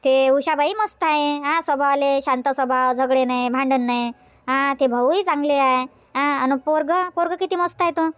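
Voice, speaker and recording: A woman's voice: high-pitched, steady tone, normal speed, no echo, highs cut off, natural voice. A woman voicing a chatty village aunt in a cartoon, with a Varhadi Marathi accent and a soothing, gossipy way of talking. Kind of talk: cartoon comedy voice acting.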